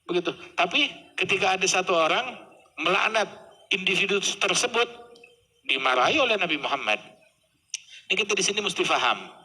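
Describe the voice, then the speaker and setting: A man preaching a sermon, telling stories with acted dialogue in an animated way. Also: high-pitched, fairly quick, pauses often, breathy edge, poor audio.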